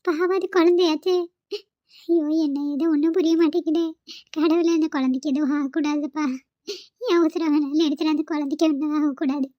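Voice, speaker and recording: A woman's voice: sits high, steady tone, brisk, dry recording, lightly acted. A woman voicing an elderly female nanny who pleads and frets in a cartoon. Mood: fretful. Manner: pleading and fretful. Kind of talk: cartoon voice acting. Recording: dull, dry home recording.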